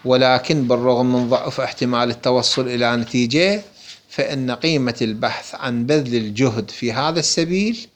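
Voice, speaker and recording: A man with an Iraqi accent giving a religious lesson, explaining a book and answering his own questions. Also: medium pitch. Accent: Iraqi Arabic. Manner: rhetorical questions answered himself. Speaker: religious teacher. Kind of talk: lecture explaining a text.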